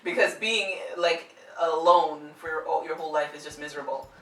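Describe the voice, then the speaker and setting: A woman with a notably low voice explains a character with earnest, friendly care. She sounds set back from the mic, with a roomy echo around her. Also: steady tone, normal speed, fairly bright tone, recorded from a distance. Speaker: anime reaction co-host. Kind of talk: casual group discussion.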